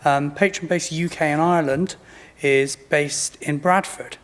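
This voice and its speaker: Male, late 50s, modern British RP accent, slightly raised pitch, presenting a product informally as a company representative. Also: a little slow, fairly bright tone. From Bristol, England. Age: late fifties.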